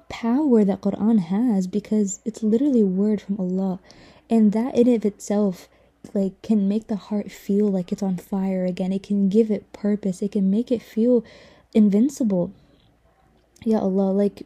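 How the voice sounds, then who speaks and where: A woman's voice: mid-range voice, dark tone, husky. A young woman hosting a casual religious podcast, talking earnestly and full of "like" and "you know". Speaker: podcast host.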